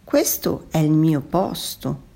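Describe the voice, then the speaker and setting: A woman voicing a naive little starfish in a children's story, soft and plaintive. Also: low voice, sing-song, slow, creaky, exaggerated voice. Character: innocent, gullible little starfish.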